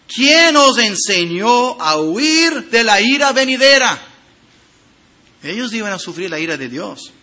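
A man preaching a sermon, reading scripture aloud and addressing the congregation directly with emphatic swings of loudness. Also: very high voice. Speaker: pastor.

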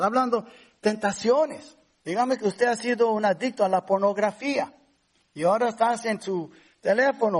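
A man's voice: sits high, breathy edge. A man preaching a conversational sermon as pastor, rising to emphatic points now and then.

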